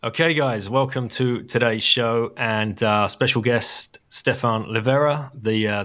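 Male podcast host, low voice, halting, casual. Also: a bit bright. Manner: halting, many fillers and restarts.

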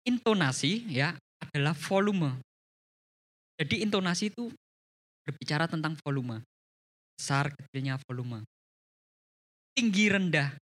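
Animated man teaching a church class. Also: a little slow, long pauses. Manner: animated, frequent rising pitch, tags sentences with "ya". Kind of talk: teaching session on communication.

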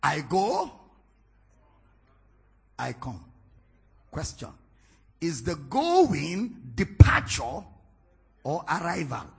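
Nigerian man, preacher, gravelly voice, very high and bright, sweeping pitch, raspy edge, slow deliberate delivery, teasing questions and shouted peaks. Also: wildly swooping pitch. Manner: teasing questions to the congregation, rising into shouted climaxes. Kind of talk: sermon. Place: church hall, large, indoors.

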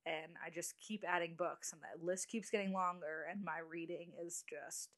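Woman, late twenties, podcast guest, lowish voice, chatty, halting restarts. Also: steady tone, fairly bright tone. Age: 20s. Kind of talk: casual chat.

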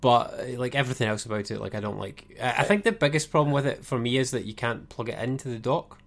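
A man co-hosting a casual video game podcast, easygoing and a little hesitant, filling pauses with "um" and "like" and laughing along. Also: mid-range voice. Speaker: podcast co-host. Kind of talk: casual chat.

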